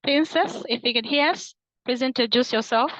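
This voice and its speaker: A woman's voice: high-pitched, moderate pace, a bit bright, no echo. A woman from Malawi moderating an online panel, polite and using many fillers. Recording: muffled online call audio.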